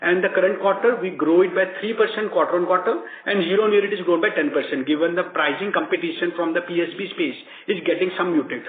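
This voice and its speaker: A man speaks in a high register, walking analysts through figures on a conference call. His voice comes through a tinny, echoey phone line with faint noise behind it. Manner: halting, explanatory, rephrases mid-sentence. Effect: heard over a conference call line. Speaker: bank executive. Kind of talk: answering analyst questions on an earnings conference call.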